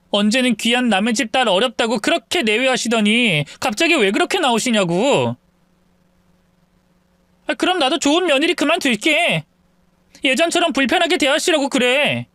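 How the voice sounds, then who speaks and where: A man's voice: very high-pitched, a bit bright, no room sound, clean studio sound, pitched above the performer's own voice, exaggerated voice. A man voicing an indignant young wife who argues with her mother-in-law in a pleading, reproachful way, in a dramatized storybook reading. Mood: exasperated. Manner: pleading, reproachful, rising complaints.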